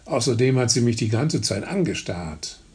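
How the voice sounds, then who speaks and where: A man voicing a shy young peasant son with a raspy voice, answering slowly and meekly. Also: medium pitch, lively intonation, a little mellow. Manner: slow, meek defending.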